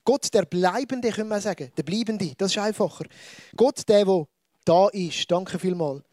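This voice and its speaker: Man, swiss german accent, sermon, high voice, dry close sound, chatty asides. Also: normal speed, dry recording. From Switzerland. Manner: lively, conversational preaching with asides to the audience. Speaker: preacher.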